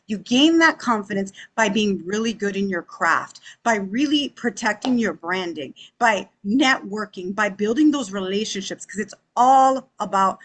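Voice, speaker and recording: A woman in her forties speaking on a conference panel, energetic and emphatic, often tagging her points with "right?". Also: medium pitch, measured pace, hardly any pauses. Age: 40s. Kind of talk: panel discussion.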